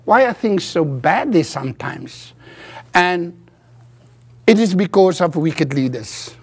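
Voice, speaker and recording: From a church pulpit, a South African guest preacher whose first language is Afrikaans delivers a sermon. He speaks earnestly in a high voice, with halting restarts.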